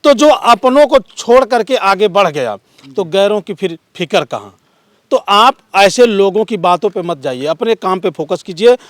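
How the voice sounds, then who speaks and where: A male reporter with an eastern Uttar Pradesh Hindi accent who interviews in a measured, encouraging and moralizing way. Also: high-pitched, animated, no echo. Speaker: local news reporter interviewing. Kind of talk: interview with advice to viewers.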